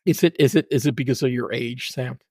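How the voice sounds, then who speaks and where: A man co-hosting a podcast banters in a joking, teasing, offhand way. His voice has an ordinary middle pitch. It is recorded close and dry, with no audible room. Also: fast talker, darkish tone, no echo. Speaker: podcast co-host. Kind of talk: casual podcast chat.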